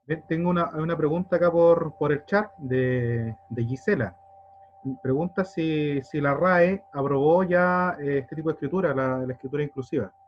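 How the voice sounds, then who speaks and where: A man's voice: a little high, moderate pace, highs cut off. A man moderating an online talk, hesitantly reading out questions from the chat. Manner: hesitant, repeats words.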